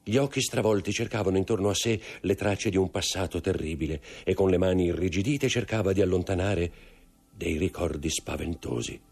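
A man narrating a classic novel in a measured, lowered reading voice. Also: creaky, a little mellow, husky. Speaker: audiobook narrator. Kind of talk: scripted narration.

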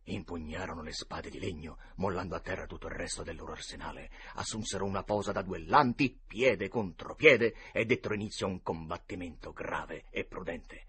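A man reading a children's classic aloud with expressive narration. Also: deep voice, a little fast, hardly any pauses, slightly rough. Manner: animated, dramatic. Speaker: audiobook narrator.

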